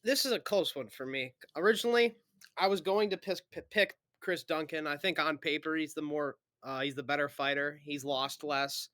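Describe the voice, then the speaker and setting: A man's voice: a little high, moderate pace, sharp tone, no echo, clean studio sound. A man thinking aloud through fight predictions in casual chat, hedging and correcting himself.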